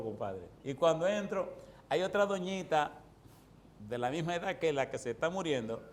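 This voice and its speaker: A man preaching as a pastor, telling a story with lively acted-out voices and bursts of laughter. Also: on the high side, slight background noise. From Dominican Republic. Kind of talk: storytelling sermon.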